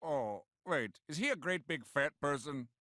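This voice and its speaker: An actor playing a sinister, courtly German puppeteer in an animated sitcom, formal and theatrically polite with a German accent. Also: male voice, fairly high pitch, measured pace, dry recording, clean studio sound. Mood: feigned innocence.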